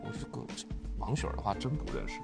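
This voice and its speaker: A young man, a podcast guest telling a story in casual chat, animated and laughing often. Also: quick pace, music in the background. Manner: animated, acts out quoted voices, laughs often.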